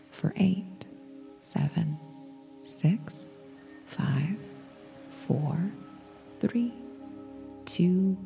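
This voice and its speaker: A woman guides meditation in a soft, breathy spa whisper that is very mellow and low. She speaks extremely slowly and soothingly, as a gentle instructor. Her voice trails into long reverb over faint music.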